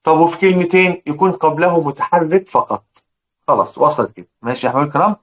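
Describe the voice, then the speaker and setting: A man with an Egyptian Arabic accent teaching Quran recitation, slowly repeating example words and often checking that his listeners follow. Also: fairly high pitch, fairly bright tone. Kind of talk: explaining lesson with recited examples. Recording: dull lo-fi recording.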